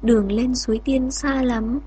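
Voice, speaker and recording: A woman voicing a kindly fairy who gives gentle advice. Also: fairly high pitch, steady tone, a little slow, husky.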